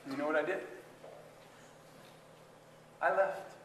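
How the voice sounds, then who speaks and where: A man playing the prophet Jonah in a comic first-person monologue, swinging from hushed asides to indignant shouting. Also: on the high side, slow. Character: resentful, self-righteous male prophet Jonah. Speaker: solo stage performer. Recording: echoey hall picked up from far off.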